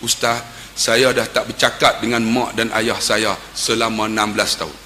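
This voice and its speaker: A man voicing a remorseful young man who speaks quietly and chokes up. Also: lowish voice, flat delivery, a little fast, a little hiss or hum, pitched below the performer's own voice. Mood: tearful.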